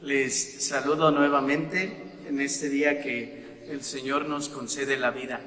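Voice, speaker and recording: Mexican priest, man, bright tone, unhurried teaching sermon in a reverberant church. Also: mid-range voice, level tone. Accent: Mexican Spanish. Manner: slow and deliberate, with frequent fillers and repeated words. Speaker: parish priest. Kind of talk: sermon-style teaching talk.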